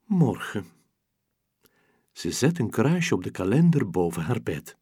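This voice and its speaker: A man narrating a children's bedtime story slowly and expressively. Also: on the low side, husky, dry recording, studio quality. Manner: slow, expressive, gentle storytelling.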